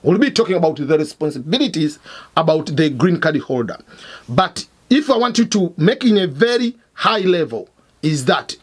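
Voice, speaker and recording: A middle-aged man from Tanzania, host of an explainer channel, teaching emphatically and repeating key points. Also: a little high. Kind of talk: explainer lesson. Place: Missouri, United States.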